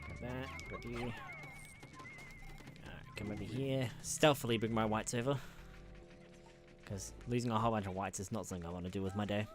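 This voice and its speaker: A man's voice: lowish voice, steady tone, fairly quick, long pauses, over music. A man giving casual, chatty commentary while playing a video game, muttering to himself, swearing freely and sounding exasperated at the game. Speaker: let's play gamer.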